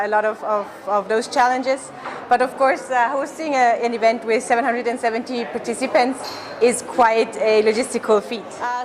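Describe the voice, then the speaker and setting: Woman from Austria explaining at a noisy event. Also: fairly high pitch. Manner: fluent, explanatory, with some restarts. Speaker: memory sports association official. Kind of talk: on-the-spot interview. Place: memory championship event venue.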